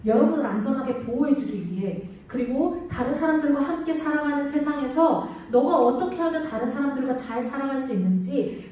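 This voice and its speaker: In a church sanctuary, a woman with a high-pitched but dark voice preaches a children's sermon, posing questions to the kids and answering them herself. The mic sits at a distance in the echoey hall, picking up a little hiss or hum.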